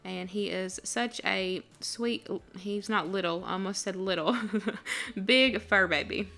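A woman's voice: medium pitch, a little slow, vocal fry, pushed and bright. A woman, chatting casually in voice-over about her homemaking day. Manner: chatty, friendly, laughs easily. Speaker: homemaking vlogger.

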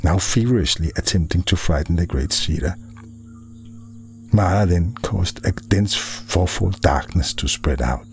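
A man, a Buddhist monk, reading a scripted story aloud in a dramatic, deliberate way. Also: low-pitched, expressive.

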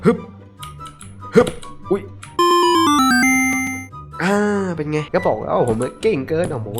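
Excitable young Thai gaming host. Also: male voice, fairly high pitch, slow pace, gravelly, loud music behind the voice. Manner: excitable, swears and jokes at himself. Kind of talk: casual gameplay commentary.

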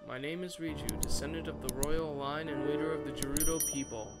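A man's voice: on the high side, a little fast, close to an everyday voice. A man reading the lines of an earnest young girl chief from a video game, with solemn emphasis. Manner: reads dialogue aloud with solemn emphasis. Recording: game music playing loudly behind.

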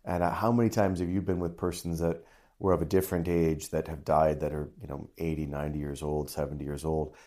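A man's voice: extremely low pitch, flat delivery, fairly quick, mellow. A middle-aged man, a priest co-hosting a podcast, talking in a casual chat with dry, wry humor. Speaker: priest co-host.

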